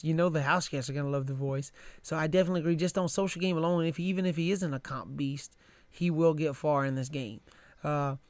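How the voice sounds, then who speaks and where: A man's voice: fairly high pitch, dry recording. A man co-hosting a fan show, chatting casually in an easygoing, agreeable way. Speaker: podcast co-host. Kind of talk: casual chat.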